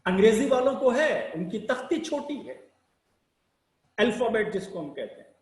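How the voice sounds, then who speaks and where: A man with a high, animated voice lectures slowly and deliberately on public speaking. He asks rhetorical questions and spells out sounds one at a time. The room is echoey. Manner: slow deliberate explanation, spells out sounds letter by letter; rhetorical questions, emphatic rises and sinking ends.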